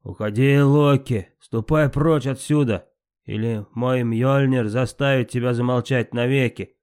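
A man's voice: mid-range voice, fairly even intonation, measured pace, a little mellow, clean tone, natural voice. A man reading an audiobook, voicing a mighty, furious male thunder god threatening with his hammer.

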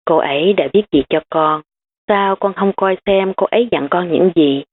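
A grieving young father speaks gently and holds back his sorrow, as a woman narrator reads him. The voice is low and close to the reader's own. The sound is thin, like a phone line. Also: moderate pace, lightly acted. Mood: soothing.

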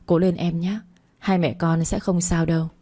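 A woman voicing a devoted young husband in an audio story, anxious and gentle, in a low voice. He soothes and reassures, his concern plain. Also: flat delivery, moderate pace, close to an everyday voice. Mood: soothing.

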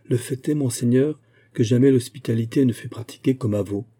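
Courteous soldier, frank and dark-toned, voiced by a male reader. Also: medium pitch, fairly quick, breathy edge, natural voice. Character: D'Artagnan, frank courteous musketeer captain.

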